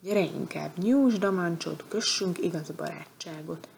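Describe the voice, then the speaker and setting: A woman's voice: lowish voice, gravelly, darkish tone, a little hiss or hum. A woman voicing a goat in a storybook tale, scolding and emphatic. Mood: coaxing. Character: indignant goat with a broken horn, later kind.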